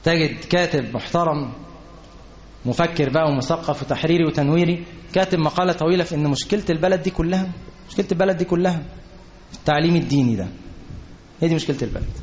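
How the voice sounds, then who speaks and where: Fast-talking Egyptian preacher, lo-fi sound. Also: male voice, a little high, darkish tone, a little hiss or hum. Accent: Egyptian Arabic. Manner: fast, conversational, quotes people and scripture in acted asides. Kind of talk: colloquial sermon. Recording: dull lo-fi recording.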